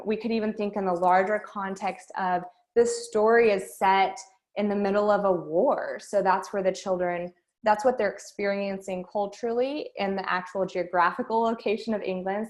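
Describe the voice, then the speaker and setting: A woman's voice: mid-range voice, steady tone, moderate pace. A woman, a speech and debate coach teaching an online workshop and guiding students through a string of questions.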